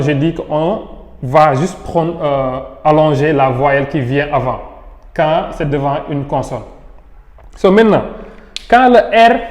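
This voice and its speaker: Slow, echoey teacher. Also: male voice, on the high side, darkish tone. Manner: patient, repeats each rule and example slowly. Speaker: English teacher. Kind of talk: French-language pronunciation lesson. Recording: echoey room with long reverb.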